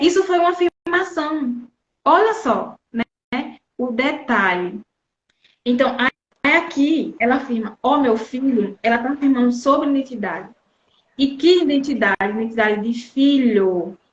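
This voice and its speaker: Brazilian woman, Bible teacher, somewhat high voice, talks straight to her listeners; dull, roomy recording. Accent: Brazilian Portuguese. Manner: conversational, addresses listeners directly.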